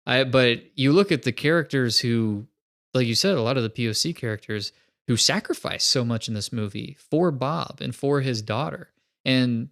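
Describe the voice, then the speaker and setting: A man's voice: medium pitch, moderate pace, fairly bright tone. A man co-hosting a podcast, talking through a film in a thoughtful, hedging way. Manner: thoughtful, hedging, builds arguments. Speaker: podcast co-host. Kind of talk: casual film discussion.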